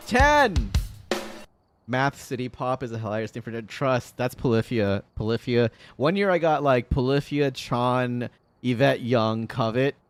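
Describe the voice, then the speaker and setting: A man's voice: mid-range voice, fairly even intonation, normal speed, faint music behind. A man in his thirties streaming a game, chatting casually and jokily, rambling between stories and swearing now and then. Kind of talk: casual gaming stream chat.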